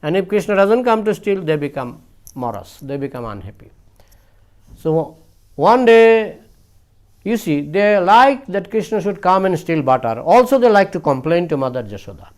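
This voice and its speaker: A man's voice: sits high, big pitch swings, moderate pace. Man telling a devotional story. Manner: repetitive, with frequent "you know" and "I mean". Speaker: spiritual speaker.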